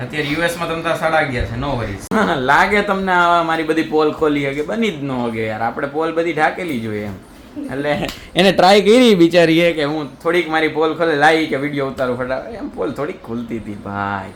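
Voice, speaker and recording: A man's voice: fairly high pitch, animated, fairly quick, a bit bright, slight background noise. A young man, chatting and joking in a casual home vlog. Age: young adult. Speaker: vlogger. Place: family home indoors.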